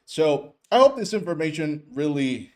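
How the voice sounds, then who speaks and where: A Spanish-speaking course instructor and streamer teaches casually on a live stream, his voice pitched high and very animated at a normal speed. He sounds hesitant, full of fillers and restarts, and drops friendly asides as he goes.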